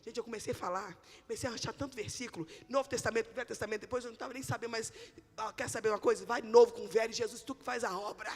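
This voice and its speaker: A woman pastor preaching a sermon, moving between shouted exhortation and lively personal storytelling. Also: fairly high pitch, very fast, husky. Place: church sanctuary. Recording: long reverb of a church hall.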